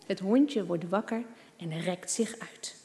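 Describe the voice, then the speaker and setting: A woman reading a children's story aloud, slowly and with expression. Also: lowish voice, a little mellow, big-room sound.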